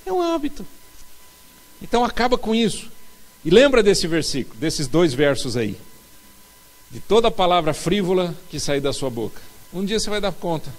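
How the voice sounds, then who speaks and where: A man's voice: sits high, rough recording. A middle-aged Brazilian man preaching a sermon as pastor, telling stories with acted-out dialogue and building emphasis. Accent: Brazilian Portuguese. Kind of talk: sermon to a men's group.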